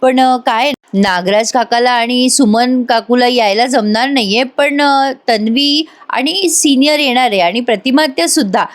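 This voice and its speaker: A woman's voice: on the high side, a little slow, few pauses, pitched above the performer's own voice, close to an everyday voice. Hesitant young husband, woman reading, musing.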